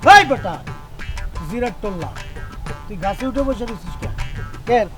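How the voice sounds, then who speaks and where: A man's voice: high voice, lively intonation, normal speed, pushed and bright. A man playing a bossy, blustering village braggart. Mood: scolding. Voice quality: blustering, scolding. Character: boastful, bossy village man, self-styled star. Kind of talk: comic village drama acting. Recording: faint music underneath.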